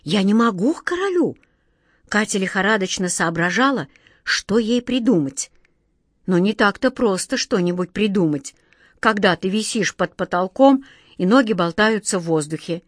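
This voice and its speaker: A woman's voice: mid-range voice, lively intonation, normal speed, no room sound, clean studio sound. A woman narrating a children's storybook with expression, doing voices for the characters. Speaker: audiobook narrator.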